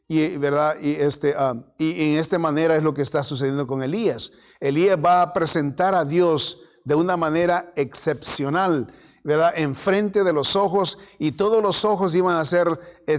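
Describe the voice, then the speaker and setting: A male pastor preaching a sermon in a conversational way, often checking in with "¿verdad?" and in words. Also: fairly high pitch. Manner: conversational preaching, frequent "¿verdad?" tags, mixes in English words.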